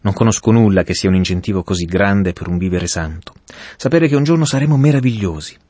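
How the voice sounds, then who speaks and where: Low-voiced earnest male preacher, dry sound. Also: lively intonation, quick pace, darkish tone, no room sound. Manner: earnest, addresses listener directly. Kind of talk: radio Bible sermon.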